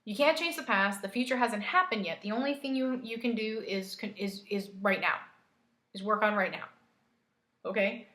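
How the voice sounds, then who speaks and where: Chatty woman doing a tarot reading, bright voice, kinda echoey room, laughs a lot. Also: mid-range voice, moderate pace. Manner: chatty, laughs easily, coaching tone. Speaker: tarot reader. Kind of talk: casual spiritual reading to camera.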